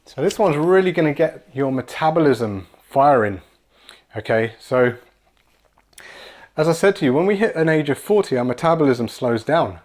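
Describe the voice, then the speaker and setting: A man's voice: a little high, expressive, normal speed, a little mellow. A man in his forties giving a casual, encouraging home workout lesson, often repeating words as he demonstrates exercises in a small room at home. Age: 40s. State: slightly out of breath at times. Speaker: fitness coach.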